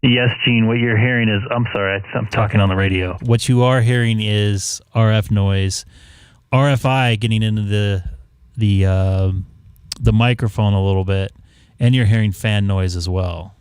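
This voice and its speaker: A man hosting a ham radio livestream, explaining things casually and haltingly as he searches for words. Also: on the low side, steady tone, clear, resonant tone, no room sound. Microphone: studio microphone through mixer.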